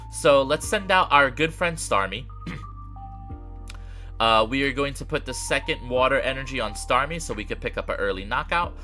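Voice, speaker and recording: A young man with a congested, nasal voice from allergies, chatting casually through a card game with frequent fillers and throat clearing. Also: mid-range voice, bright, forceful tone. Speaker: gaming creator. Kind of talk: casual gameplay commentary.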